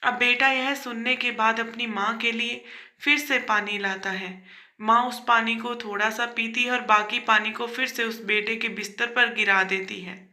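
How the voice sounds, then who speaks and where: A woman narrating a moral story in a steady, plain storytelling manner. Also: a little high, a little slow.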